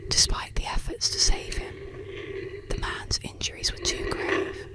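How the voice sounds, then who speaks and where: A soft, breathy whispered ASMR narration of eerie folk legends, delivered slowly and soothingly to help listeners sleep.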